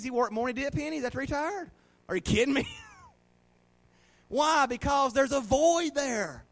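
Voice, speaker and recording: High-voiced preacher man. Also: a bit bright. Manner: folksy, conversational preaching with rhetorical questions. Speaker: pastor. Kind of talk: sermon.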